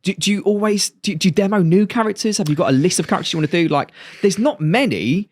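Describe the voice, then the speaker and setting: A man's voice: sits high, expressive, fast. A man hosting a radio interview, asking long, enthusiastic, rambling questions. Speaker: radio host. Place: radio studio.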